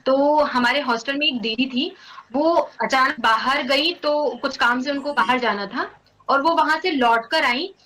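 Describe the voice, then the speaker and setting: Bright, high-voiced young woman telling a story. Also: measured pace, rough recording. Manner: earnest, animated retelling with many fillers. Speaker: guest sharing a devotional experience. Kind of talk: casual storytelling.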